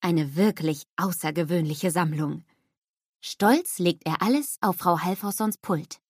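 A woman narrating a scripted children's story in a lively storybook manner. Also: on the low side, unhurried, husky, dry recording, studio quality.

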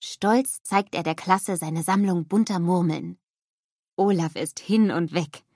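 A woman narrating a scripted children's story in a lively storybook manner. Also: lowish voice, takes it slowly, no room sound, studio quality.

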